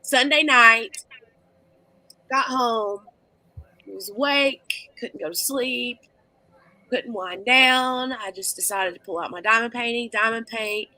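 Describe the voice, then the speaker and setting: A woman telling a story in casual chat, lively as she goes. Her voice is fairly high and very bright, with a sharp edge. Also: takes it slowly, no room sound, low-quality recording.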